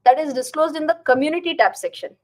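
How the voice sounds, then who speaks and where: Indian accent lady doing a casual livestream q&a, teacher type, chatty, bit high voice, drops hindi bits in. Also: animated, fast. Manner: chatty, slips Hindi phrases into English. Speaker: live stream host and finance teacher. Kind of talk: casual live stream Q&A, reading and answering viewer comments.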